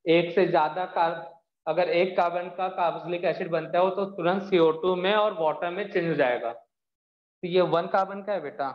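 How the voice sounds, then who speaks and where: A man with a high, steady voice teaches a live online chemistry class at normal speed, patiently explaining step by step and answering students' doubts. The recording sounds echoey, dull, and lo-fi.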